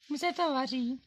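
A woman's voice: high voice, natural voice. A young female performer voicing a flustered female unicorn pony in a home-made toy play, babbling to herself as she fumbles through chores. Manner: scattered, babbling, self-talking.

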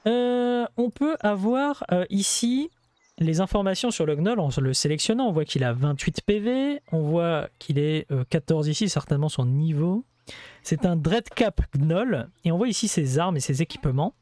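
Guy walking thru a game tutorial, kinda high voice, lots of umms and asides, super dry mic. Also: animated, normal speed, a little mellow, no room sound. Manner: chatty, explanatory, many hesitations and asides. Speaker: gameplay video host. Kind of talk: casual gameplay commentary explaining a game.

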